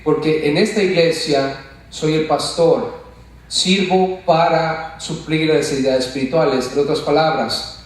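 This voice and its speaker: A pastor preaching a sermon and asking his congregation questions. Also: a little high. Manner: asks the congregation questions, calls them brothers. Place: church. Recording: echoey church sound from far off.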